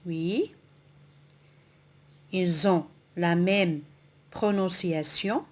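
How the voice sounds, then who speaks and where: A woman teaching a French grammar lesson, speaking slowly and deliberately, repeating phrases and asking the viewer questions. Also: mid-range voice, darkish tone.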